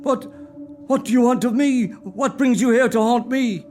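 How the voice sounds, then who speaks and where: A man's voice: very high voice, moderate pace, darkish tone, slight background noise. A man acting an old miser, Ebenezer Scrooge, in a radio play, with a quavering, stammering delivery. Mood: frightened. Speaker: amateur radio play actor.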